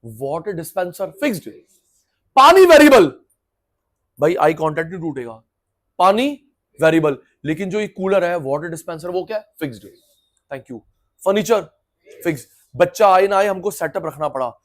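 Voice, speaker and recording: A middle-aged man giving a lively, chatty classroom economics lecture, acting out students through everyday examples. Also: a little high, moderate pace. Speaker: economics teacher.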